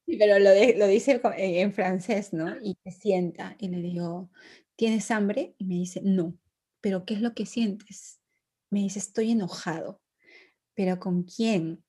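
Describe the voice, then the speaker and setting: Casual mom storyteller, woman, mellow husky tone, animated anecdotes. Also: mid-range voice, a little slow. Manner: animated storyteller who acts out her children's lines. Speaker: mother sharing parenting stories. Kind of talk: casual chat.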